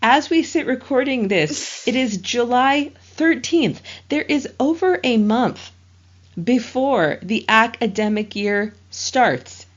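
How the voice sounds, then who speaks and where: A woman's voice: a little high, animated, takes it slowly, lo-fi sound. A woman co-hosting a podcast in casual chat, with an emphatic, mock-indignant comic way of complaining. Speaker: podcast co-host.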